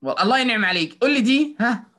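Bright-voiced Egyptian woman teaching children. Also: fairly high pitch, lively intonation, very fast. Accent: Egyptian Arabic. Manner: coaxing and praising, mixing in English words. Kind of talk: online class drilling children. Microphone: video call.

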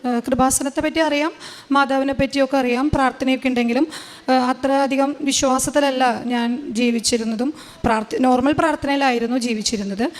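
Middle-aged woman with a Malayalam accent, high and even-toned voice, hesitant testimony full of fillers. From Kerala, India. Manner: slow and halting, with many fillers. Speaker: testimony giver. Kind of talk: personal testimony.

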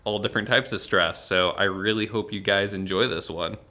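Bright-voiced man chatting on a vlog. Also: lowish voice, fairly even intonation, a little fast. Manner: upbeat, chatty, laughs easily. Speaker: vlog co-host. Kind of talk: casual vlog chat.

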